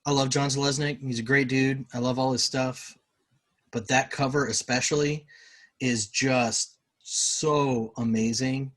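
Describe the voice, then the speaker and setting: A man's voice: medium pitch, measured pace. Chatty man laughing through a game interview. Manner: relaxed, chatty, laughs easily. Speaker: game designer guest. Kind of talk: casual interview chat.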